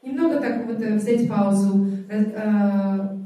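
A woman's voice: medium pitch, measured pace, dark tone, recorded from a distance. A woman working as a live interpreter, translating a lecture phrase by phrase with hesitant fillers and restarts. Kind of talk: consecutive spoken translation of a class. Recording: echoey hall, voice set back from the mic.

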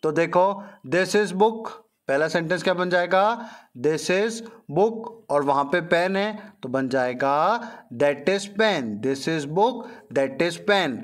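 Slow, high-voiced man teaching. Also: lively intonation. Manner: slow, repeating questions then answering them; drawn-out syllables on English words. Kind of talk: explaining a textbook lesson.

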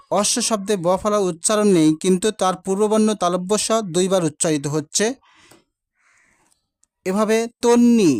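A man teaching a grammar lesson to students. He states each rule twice and leans on every example word so it sticks. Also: high-pitched. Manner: repeats each rule slowly, stresses example words.

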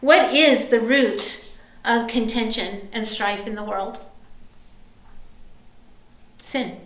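A woman's voice: fairly high pitch, takes it slowly, fairly bright tone, reverberant, rough recording. A woman pastor giving a sermon, telling a story in a conversational way with fillers and asides to the listeners. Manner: conversational storytelling with many fillers and tag questions.

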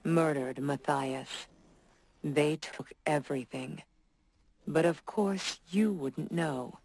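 A woman's voice: low-pitched, creaky, darkish tone, no echo, heavily acted, poor audio. A woman voicing a bitter, vengeful female synth robot in a video game, speaking coldly and with contempt. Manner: cold, slow and measured, contemptuous.

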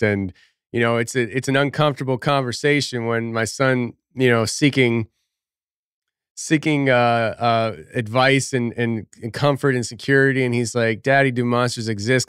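A man in his thirties hosting a podcast, chatting in a relaxed, conversational way. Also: mid-range voice, clear, resonant tone, no room sound, clean studio sound. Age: 30s. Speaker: podcast host. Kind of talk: casual podcast chat.

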